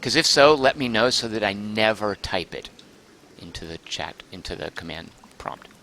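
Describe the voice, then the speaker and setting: Guy streaming a game, super animated voice all over the place, bright and a bit sharp, chatty, close mic. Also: fairly low pitch, normal speed, a little hiss or hum. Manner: chatty, excitable, thinks aloud and reads chat. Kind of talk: live gameplay commentary.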